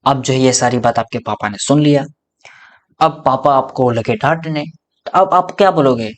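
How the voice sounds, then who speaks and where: A man's voice: mid-range voice, moderate pace. A young man giving a classroom grammar lecture as a teacher, mixing in English words and repeating each key point as a question he then answers himself. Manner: mixes English words into explanations.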